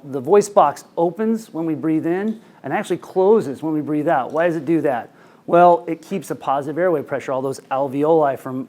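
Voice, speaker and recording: This is a forties-aged male ENT physician addressing clinicians in a conference room via a handheld mic. His pitch is fairly high and his tone darkish. The lecture is relaxed and story-driven, with frequent fillers.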